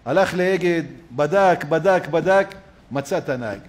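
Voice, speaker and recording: A rabbi with a somewhat high voice gives a sermon in a synagogue. He tells the story with lively energy. He acts out the lines of each person in it. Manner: animated storyteller who acts out the quoted speakers.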